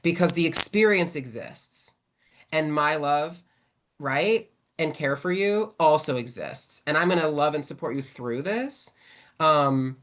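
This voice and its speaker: A woman giving a casual webinar talk as a guest presenter, talking in a chatty way with lots of "like". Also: sits low. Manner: chatty, fills with "like". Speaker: guest presenter on sexual violence support.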